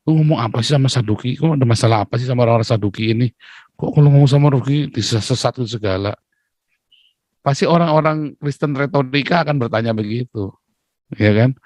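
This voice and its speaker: A man preaching a sermon in a lively, joking way, often calling his listeners brothers and sisters. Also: mid-range voice, fairly quick, no room sound.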